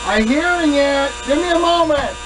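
A young man with a very high voice hosts a casual home cooking video from a small kitchen, filming himself at the stove on the camera mic. He speaks at a normal speed, rambling with many fillers and restarts, against a noisy background.

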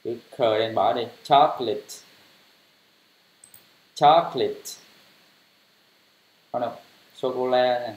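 A man teaching English pronunciation, spelling words letter by letter and repeating them louder. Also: medium pitch, little pitch movement, moderate pace. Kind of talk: pronunciation lesson. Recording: roomy, dull lo-fi sound.

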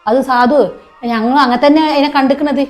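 A woman's voice: sits high, steady tone, fairly quick, soft background music, lightly acted. A woman playing a stern scolding mother-in-law. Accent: Malappuram Malayalam. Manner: scolding, reproachful. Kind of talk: short-film skit acting.

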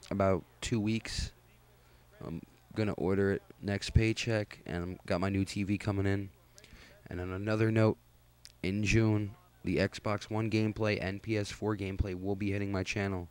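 A man's voice: on the low side, little pitch movement, moderate pace, a little mellow, clear, resonant tone. A tired young man hosting his gaming channel, talking casually and rambling in a laid-back, self-deprecating way over gameplay.

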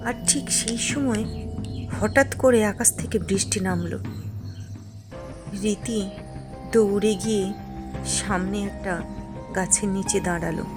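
Woman narrating a cartoon story slowly. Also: mid-range voice, over music. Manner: measured, plain storytelling.

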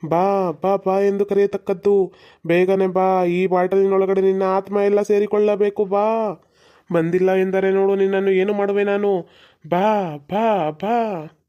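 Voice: medium pitch, flat delivery, clear, resonant tone, muffled recording, natural voice. A voice actor as a stern old exorcist. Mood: commanding. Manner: slow, commanding, formal chanting speech.

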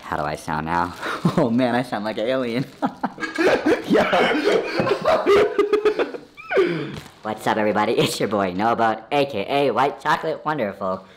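A man's voice: medium pitch, wildly swooping pitch, slow, long pauses. Joking man reading aloud over noise. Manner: mock-dramatic reading aloud. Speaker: vlog co-host. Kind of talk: casual joking vlog banter. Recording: noisy background.

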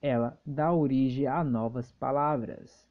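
A man giving a steady, measured explanation as a narrator. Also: medium pitch, phone-quality sound.

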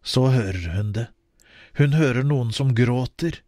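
A man narrating a children's audiobook expressively, with wide swings in pitch. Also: animated, warm tone, no echo, studio quality.

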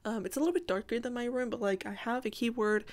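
A woman's voice: a little high, quick pace, darkish tone. A woman giving a casual, rambling gaming voiceover, interrupting herself with asides, her sore voice strained and cracking now and again. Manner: chatty, self-interrupting, apologetic asides. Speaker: gaming video creator.

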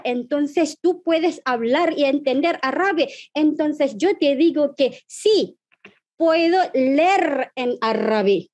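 A Malaysian woman whose first language is Malay gives an online language lesson with a clear Malaysian accent. Her voice sits high, and she speaks at an unhurried pace. She spells words out letter by letter and keeps checking in with her listeners. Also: a little mellow. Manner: friendly, checks in with "¿vale?" often; spells out letters and syllables slowly. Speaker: language teacher.

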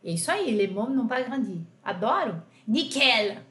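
A woman's voice: fairly high pitch, sing-song, normal speed, echoey room. A woman from Brazil teaching French in a live online class, chatty and affectionate, often checking in with her students. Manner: chatty, affectionate diminutives, frequent "tá?" check-ins.

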